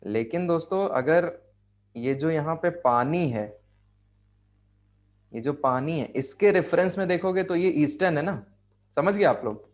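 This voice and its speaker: A man's voice: on the high side, a little slow, long pauses. Indian man teaching an online geography class. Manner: explains step by step, repeats key phrases, checks understanding. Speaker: geography tutor. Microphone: video call.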